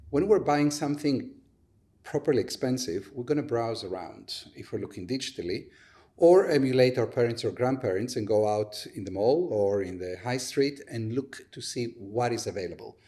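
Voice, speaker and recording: Man, podcast guest, startup co-founder, methodical explainer, middle pitch, uses everyday examples. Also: animated, normal speed, warm tone. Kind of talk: explaining a business model in an interview.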